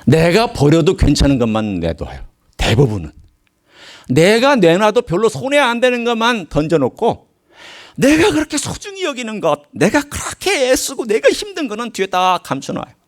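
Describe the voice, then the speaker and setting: A middle-aged man preaching a sermon, telling a story and swinging from quiet low asides to high, emphatic calls. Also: huge pitch swings, normal speed. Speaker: pastor.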